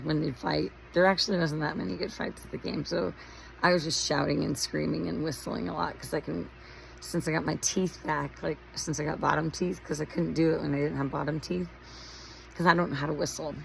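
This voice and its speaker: Raspy, hoarse woman with a low voice. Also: steady tone, fairly quick, slight background noise, rough recording. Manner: rambling, chatty, lots of fillers and tangents. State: hoarse from shouting. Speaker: vlogger. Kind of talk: casual storytelling monologue.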